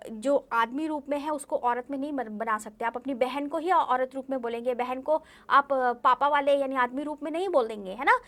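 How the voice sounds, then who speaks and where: A woman's voice: high voice, a bit bright. A young woman teaching a class of young children, patient and repetitive, often asking them questions. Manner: patient, repeats herself, asks the children questions. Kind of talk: online class lesson.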